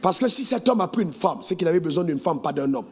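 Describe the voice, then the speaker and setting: A man from Côte d'Ivoire, preaching a sermon as pastor, with sing-song rises and bursts of shouting. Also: on the high side, sing-song, quick pace.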